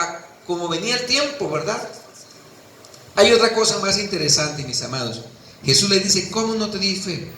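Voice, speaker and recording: A man preaches with fervor and acts out the voices of the people he quotes. His voice is high and strikingly bright. It rings through an echoey room over a faint background ambience. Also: a little hiss or hum. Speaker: pastor. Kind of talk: sermon.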